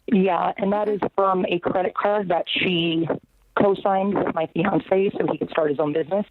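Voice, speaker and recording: A woman calling in to a talk show over the phone, speaking nervously and haltingly with many fillers. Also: lowish voice, fairly even intonation. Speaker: caller. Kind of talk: call-in talk show caller. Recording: tinny phone line with faint noise.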